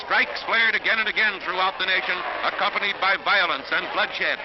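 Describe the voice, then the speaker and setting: A man's voice: high-pitched, fairly quick, very noisy. Man narrating an old newsreel. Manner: dramatic, emphatic announcing. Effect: old newsreel soundtrack. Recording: dull lo-fi 1940s film soundtrack with music.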